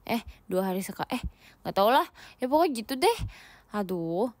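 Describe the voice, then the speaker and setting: Lying at home, this Indonesian idol livestreamer talks with her viewers in a giggly, playful way and mixes in English words. She's a young woman with a mid-range voice that swings widely in pitch at a moderate pace, and there's no room sound.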